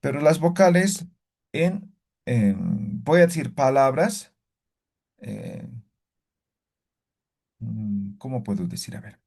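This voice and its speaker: A man's voice: medium pitch, slow, gravelly, long pauses. A man teaching an online Aymara language class, often checking in with "¿ya?" and "¿no ve?". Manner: animated, exaggerates rises and falls to demonstrate.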